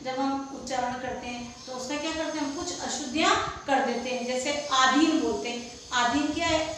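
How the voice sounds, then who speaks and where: A woman's voice: high voice, moderate pace, a bit bright, slight background noise. A woman teaching a classroom lesson, drilling pupils with questions she answers herself and mixing in English words. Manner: mixes English words into Hindi. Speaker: school teacher. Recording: echoey classroom from far off.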